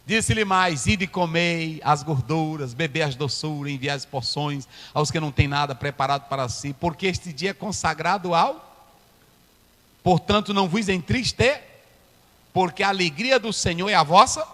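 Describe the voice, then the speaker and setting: A man preaching a sermon as a pastor, breaking into loud shouted climaxes. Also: fairly high pitch, normal speed. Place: church hall. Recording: echoey church hall, long reverb.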